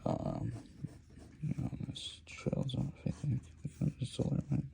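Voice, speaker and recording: A man's voice: medium pitch, wildly swooping pitch, slow, gravelly, dark tone, a little hiss or hum. A man giving a rambling, informal lecture while drawing, hesitant with many ums and restarts. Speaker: lecture host.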